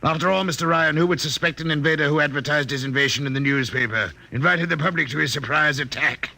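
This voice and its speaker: An actor playing a suave, gloating Martian invader with theatrical, mock-courteous delivery in an old radio drama. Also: male voice, on the high side, fast, gravelly, bright, forceful tone, full character voice. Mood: gloating, amused.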